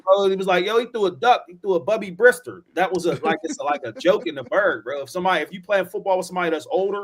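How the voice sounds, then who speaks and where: He's a man in his forties from Pittsburgh with a matching accent, hosting a laid-back podcast. His high, animated voice fires off rapid, slangy stories peppered with "bro" and "yo."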